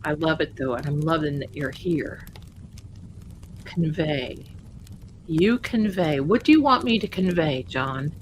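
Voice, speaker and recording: A woman hosting a casual live spirit session, rambling and haltingly repeating herself as she talks to spirits and viewers. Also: low voice, expressive. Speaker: livestream host of a spirit communication session. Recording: clear background noise, live stream.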